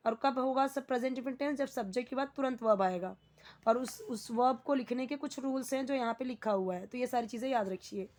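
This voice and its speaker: In this English grammar lesson, a young woman with a high voice slowly reads each sentence aloud, then goes through it word by word in Hindi.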